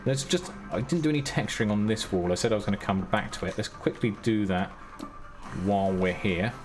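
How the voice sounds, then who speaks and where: This is live-stream gameplay commentary from a man in Britain, quietly narrating each step of a building game and making self-deprecating remarks. He speaks at a fairly low pitch and fairly quickly, with his own music playing underneath.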